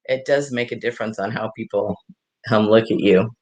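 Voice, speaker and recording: A woman's voice: extremely low pitch, fairly quick, a little mellow. A woman hairdresser giving a live hair tutorial, chatting and laughing with viewers in a rambling way. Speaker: hairdresser and salon owner.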